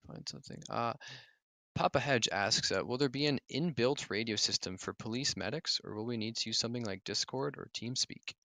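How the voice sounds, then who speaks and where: A man's voice: medium pitch, brisk, sharp tone, dry recording. A man hosting a casual livestream Q&A, reading viewer questions aloud in a chatty way with fillers. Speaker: stream host.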